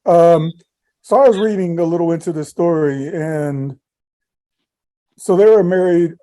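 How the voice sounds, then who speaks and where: A man co-hosting a podcast, chatting in a relaxed, rambling way. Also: on the high side, measured pace. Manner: laid-back, rambling, laughs easily. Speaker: podcast co-host. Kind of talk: casual chat.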